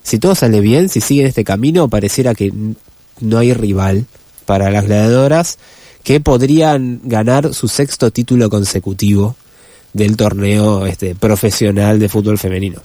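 A man with a Rioplatense accent, hoarse from a cold, giving a brisk sports report as radio co-host. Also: on the low side, mellow, no room sound. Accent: Rioplatense Spanish. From Argentina. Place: radio studio.

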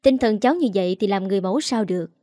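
A woman doing a calm, sly older lady. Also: medium pitch, no room sound, clean studio sound, natural voice. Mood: coolly teasing. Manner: calm, teasing, unhurried.

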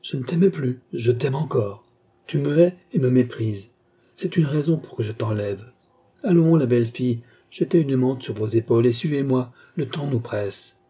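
A man's voice: mid-range voice, moderate pace, warm tone, lightly acted. A man doing a mocking young villain. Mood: possessive. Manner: mocking, smoothly menacing.

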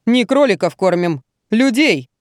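A friendly, down-to-earth barmaid, voiced by a woman reading aloud, who talks plainly and pities the customer. The pitch moves around a lot, and the sound is dry and close. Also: lively intonation, measured pace, no room sound, close to an everyday voice. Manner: plain-spoken, pitying. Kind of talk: audiobook reading.

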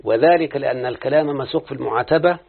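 Egyptian man, grammar teacher, gravelly and husky, quizzing his class, thin phone-like sound. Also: medium pitch, fast talker. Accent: Egyptian Arabic. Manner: quizzes students with constant check-in questions. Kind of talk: classroom lesson in Arabic grammar. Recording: muffled phone-like lo-fi recording.

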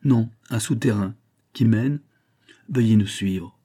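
A man's voice: on the low side, slow pace, warm tone, no echo, studio quality. A man voicing a cold masked jailer who speaks curtly in a muffled voice in a storybook reading. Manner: muffled, curt.

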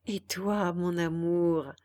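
A woman reading aloud, voicing a fawning little man who flatters with sweet words. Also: on the low side, slow. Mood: coaxing. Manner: honeyed, flattering.

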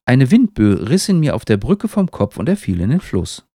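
Storybook man, limping and grumbly, lively and pressing, voiced by the reader. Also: medium pitch, moderate pace, no echo, studio quality. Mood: rueful.

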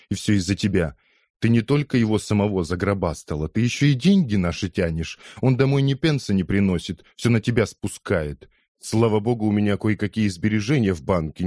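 A man reading an audiobook, voicing a furious, heavy-jawed middle-aged woman who shouts hoarse, spiteful abuse. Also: fairly low pitch, no echo, clean studio sound, natural voice.

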